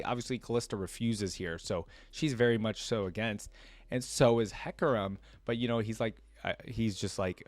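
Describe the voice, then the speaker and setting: A man with a lowish voice hosts a reaction video, casually reading lore aloud and slipping in his own remarks between passages. He's recorded close to the mic, and the sound is dry.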